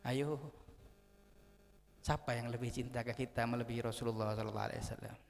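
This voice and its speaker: A man's voice: mid-range voice, fairly even intonation, fairly quick, creaky. A man preaching a mosque sermon, emphatic and repetitive, slipping into spoken prayers. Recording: long hall reverb.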